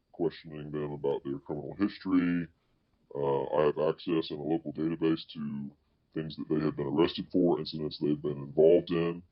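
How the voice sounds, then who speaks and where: A man speaking as a police officer in an interview, in measured, formal wording, his voice electronically distorted into a deep disguise. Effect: voice electronically distorted to sound deeper, as a disguise. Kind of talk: interview, explaining at length. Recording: dull, muffled lo-fi audio.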